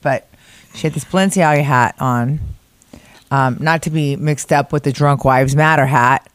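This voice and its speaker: A woman's voice: low-pitched, steady tone, moderate pace, dry recording. An American woman co-hosting a show in candid, chatty, slightly grumbling conversation, recorded on a meeting room mic in a conference room. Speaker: co-host of a daily video show. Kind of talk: casual chat.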